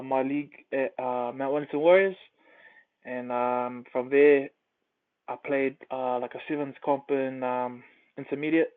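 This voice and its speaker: A young man with a New Zealand accent, a rugby player chatting casually as an interview guest, laid-back with lots of fillers. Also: mid-range voice. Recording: tinny phone-like line.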